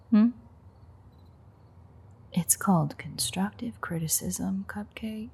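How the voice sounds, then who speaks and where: An actress voices a teasing, sardonic female vampire mechanic, an unrepentant man-eater, in an intimate one-sided audio roleplay. Her lowish voice is husky, gravelly and breathy, with a dark tone, and her heavily acted delivery is dry, sarcastic, playful and predatory.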